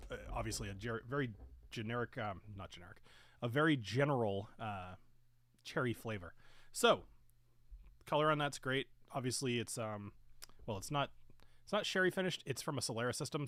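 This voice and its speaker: On a dry recording, a man with a medium-pitched, slightly bright voice hosts a relaxed whiskey-tasting livestream. He rambles, fills pauses, corrects himself, and keeps talking as he chews and sips, occasionally with his mouth full.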